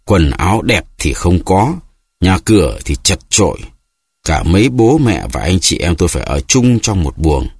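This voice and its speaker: A man's voice: deep voice, sing-song, normal speed, gravelly, darkish tone, husky, no room sound, studio quality, full character voice. A man voicing a young man who grumbles and makes excuses all the time. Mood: grumbling. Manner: whining, grumbling. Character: young man, forever complaining and making excuses.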